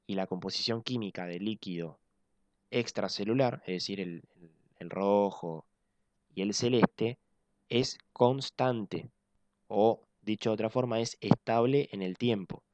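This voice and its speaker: A man teaching physiology in an online class, explaining step by step and slowing down to repeat key points. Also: fairly low pitch, darkish tone, no echo. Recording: dull lo-fi dry sound.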